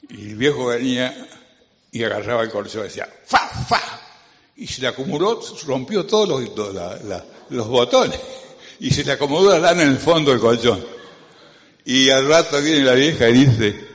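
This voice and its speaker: Rambling Rioplatense preacher in an echoing hall. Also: male voice, medium pitch, animated, moderate pace. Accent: Rioplatense Spanish. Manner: digressive, full of tag questions and anecdotes. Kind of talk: conversational sermon. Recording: long reverb of a hall.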